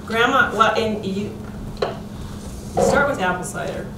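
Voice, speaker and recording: An American woman giving an informal cooking demonstration in a folksy, unhurried way. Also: medium pitch, lively intonation, very noisy. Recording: echoey room, distant mic, loud kitchen clatter.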